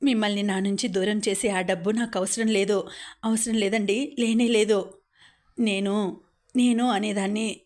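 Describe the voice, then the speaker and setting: A woman's voice: medium pitch, darkish tone, natural voice. A hurt young wife from an audio storybook, crying as she pleads with and reproaches her husband, as a woman narrator puts her on. The voice stays level, with little rise and fall.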